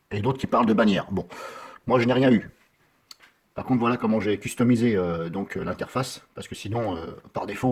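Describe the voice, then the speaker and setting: A man giving a casual software tutorial, rambling and often correcting himself with many fillers. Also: on the low side, husky.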